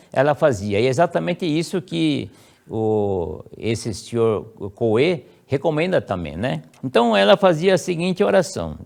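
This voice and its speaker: A middle-aged Brazilian man gives a sermon at an online gathering. His voice is animated and swings widely in pitch. He recites prayers slowly and emphatically and keeps dropping filler words between phrases. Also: gravelly. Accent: Brazilian Portuguese. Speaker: lecturer of a religious movement. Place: home, recorded for an online meeting.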